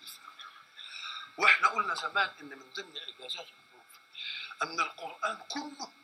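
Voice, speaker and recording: A man's voice: a little high, animated, fast talker, pushed and bright, a little hiss or hum, rough recording. A man with an Egyptian Arabic accent teaching a Quran lesson, putting questions to his listeners and answering them himself, drawing out the names of letters. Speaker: religious teacher.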